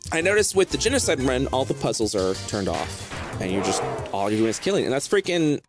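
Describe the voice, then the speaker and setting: A man's voice: medium pitch, very animated, a little fast. A man giving casual gaming commentary, rambling energetically and swearing as he explains his thoughts. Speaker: let's play co-host. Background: game music.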